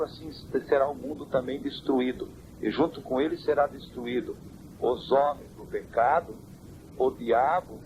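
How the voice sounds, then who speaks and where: A church elder on a hissy, worn old cassette tape, answering questions about doctrine with measured, scripture-quoting speech. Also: male voice, medium pitch, a little mellow, dull audio. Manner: measured, quotes scripture in a preaching cadence. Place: family home.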